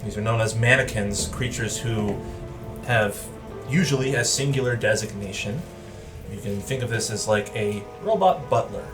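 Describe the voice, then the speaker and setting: A man working as game master, narrating an atmospheric tabletop story with measured, dramatic pauses. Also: on the low side, music in the background.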